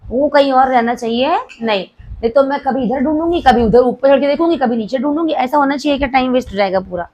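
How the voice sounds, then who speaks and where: High-voiced woman teaching a class. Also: darkish tone, lo-fi sound. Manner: teasing, scolding students playfully; slow deliberate dictation of key terms. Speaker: commerce teacher. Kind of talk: classroom lecture.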